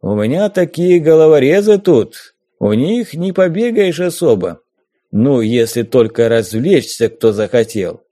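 A man voicing a gruff, commanding ghost pirate captain in an audiobook. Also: mid-range voice, big pitch swings, warm tone. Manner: slow, commanding.

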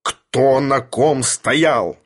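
A man voicing a haughty older professor who speaks in an imperious, lecturing, deliberate manner. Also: medium pitch, sing-song, slightly rough. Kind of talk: audiobook character voice.

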